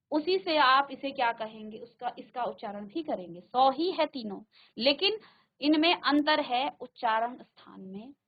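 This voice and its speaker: A woman teaching a class, slowly sounding out syllables aloud for her pupils to repeat. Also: fairly high pitch, dull audio. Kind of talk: classroom lesson. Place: studio virtual classroom.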